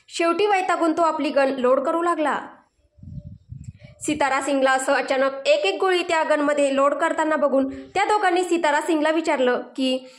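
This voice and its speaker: A woman telling a story in expressive scripted narration. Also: high voice, reverberant.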